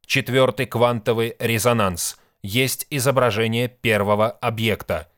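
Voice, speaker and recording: A man reading an audiobook, voicing a ship's computer with a flat, mechanical, measured delivery. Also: mid-range voice, no echo, clean studio sound, lightly acted. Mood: monotone report.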